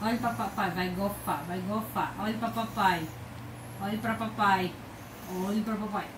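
A mother coos and coaxes her baby in sing-song baby talk at home, her mid-range voice moving at a normal speed with fairly even intonation. Someone else holds the camera across the bedroom, so the sound is distant and echoey with background noise.

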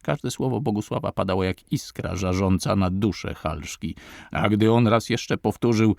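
A male audiobook narrator with a low voice and a gravelly edge. He reads in a measured, dramatic way. The recording is dry and close. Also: a little mellow, no room sound. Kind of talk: audiobook reading of a historical novel.

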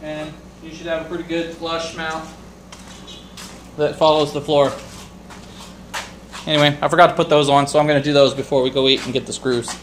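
Pausing often at a moderate pace, a middle-aged man with a fairly high voice explains a woodworking build in his garage workshop. He's a DIY vlogger captured off-mic by a distant camera mic in an echoey garage with slight background noise, and his relaxed explanation is full of ums.

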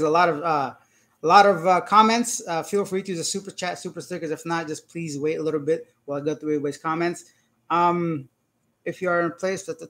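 A man hosting a casual live Q&A, telling an animated story with lots of quoted back-and-forth and reading out viewer comments. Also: a little high. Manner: reads out chat comments and greets viewers; gets worked up retelling a dispute. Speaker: livestream host answering viewer comments.

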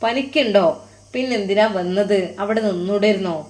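A woman voicing a kindly, affectionate old male religious teacher who coaxes and questions gently. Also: mid-range voice, brisk, natural voice. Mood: coaxing. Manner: coaxing, tender, questioning. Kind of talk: storytelling.

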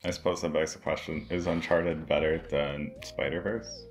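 A man's voice: extremely low pitch, little pitch movement, normal speed, faint music behind. A young man co-hosting a casual video chat, talking in a dry, blunt, argumentative way, picked up by a camera mic a few feet away in a small room. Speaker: co-host. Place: small indoor room with a decorated table.

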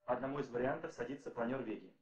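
A man acts an impatient young cosmonaut in a vintage film drama. His mid-pitched voice is earnest and insistent. The soundtrack is muffled, with a strong room echo. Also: racing, far from the mic, a crowd in the background, natural voice. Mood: urgent, pleading. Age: young adult. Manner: urgent, insistent. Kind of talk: 1960s Soviet film drama acting. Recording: dull, echoey old film sound.

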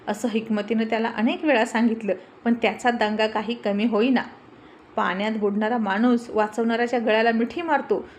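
A woman storyteller narrating a folk-style story with a steady, expressive reading. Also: on the high side.

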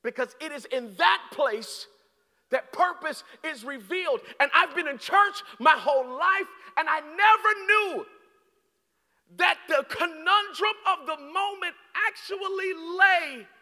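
A man in his thirties preaching a sermon on a large church stage with a handheld mic, swinging from hushed, slow lines to shouted peaks. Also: extremely high pitch. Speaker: guest preacher. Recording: long hall reverb.

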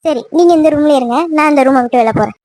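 A woman voicing a hurt, angry young woman in a cartoon love story, snapping sharp, dismissive retorts. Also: sits high, racing, dry recording. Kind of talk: cartoon voice acting.

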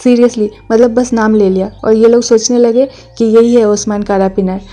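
A woman's voice: fairly high pitch, little pitch movement, normal speed, warm tone, faint music behind. A woman narrating a casual recap of a drama episode, reading each character's lines in her own plain voice.

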